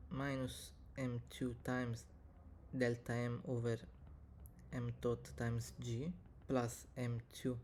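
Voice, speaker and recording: A man who is not a native English speaker teaches physics step by step, dictating equations in short, halting pieces. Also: mid-range voice, warm tone, a little hiss or hum. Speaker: physics tutor, video presenter. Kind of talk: step-by-step maths lesson, reading out equations.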